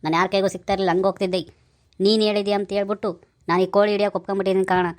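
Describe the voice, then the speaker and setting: A woman's voice: medium pitch, flat delivery, very fast, darkish tone, natural voice. Woman doing a fussy talkative village man. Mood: pleading. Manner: fussy, correcting, pleading. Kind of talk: village comedy skit.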